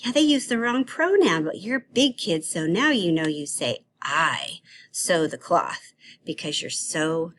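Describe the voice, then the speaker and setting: A woman's voice: lowish voice, sing-song, slight background noise. A woman teaching a grammar lesson to young children, asking playful questions and praising their answers. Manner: slow, encouraging, sing-song questions to young kids.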